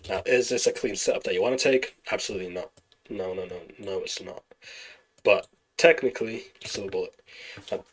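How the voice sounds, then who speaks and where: A man streaming live trading, talking through charts and answering chat questions in a relaxed, explanatory way. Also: fairly low pitch, poor audio. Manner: relaxed, explanatory, thinking aloud over charts.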